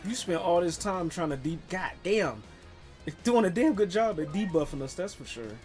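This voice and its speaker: A man's voice: high-pitched, lively intonation, normal speed, darkish tone, soft background music. A man streaming a video game, chatting casually and joking with some swearing. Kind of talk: casual gameplay commentary.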